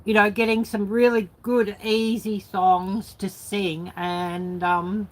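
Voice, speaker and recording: A native English-speaking woman, a YouTube vlogger, reminisces casually and off the cuff, rambling colloquially and filling her speech with "you know" and "sort of." Her mid-range voice is flat and she takes her time.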